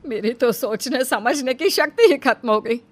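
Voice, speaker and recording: A woman's voice: on the high side, lively intonation, normal speed, a little hiss or hum, close to an everyday voice. A woman voicing a worried middle-aged mother-in-law in a cartoon story, anxious and scolding.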